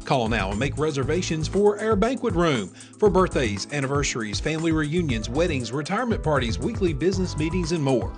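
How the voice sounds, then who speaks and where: A man reads a local commercial with an animated, lively delivery and a slightly high voice. Clear music plays under him. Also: a little fast, hardly any pauses. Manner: lively promotional read. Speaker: commercial announcer. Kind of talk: scripted ad read.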